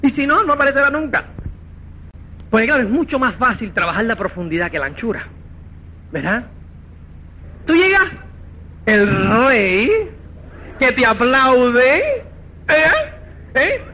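A man giving a motivational network marketing seminar, animated and acting out quoted dialogue, repeatedly checking that listeners follow. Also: extremely high pitch, unhurried, pauses often, highs cut off. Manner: animated, acts out quoted dialogue, keeps asking "¿me entiendes?".

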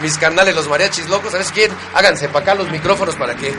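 A man's voice: fairly high pitch, quick pace, noisy background. A man with a Mexican accent hosting a show, bantering casually and laughing. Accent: Mexican Spanish. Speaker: host. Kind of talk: casual comedy chat.

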